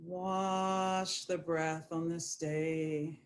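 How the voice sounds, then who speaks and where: A woman guiding a yoga nidra meditation, speaking in a slow, soothing, prayerful way. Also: lowish voice, flat delivery. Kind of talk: guided meditation.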